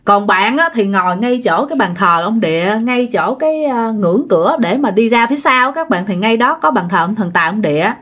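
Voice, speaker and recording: A woman's voice: medium pitch, expressive, brisk, hardly any pauses, a bit bright. A woman with a Southern Vietnamese accent, narrating a ghost story in a chatty way that talks straight to her listeners. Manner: chatty, addresses listeners directly.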